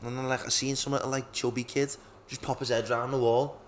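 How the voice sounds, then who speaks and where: A young man co-hosting a podcast tells stories and chats casually, peppering his talk with swearing and laughter. His voice is medium in pitch and level in tone, a little fast, with a little hiss or hum.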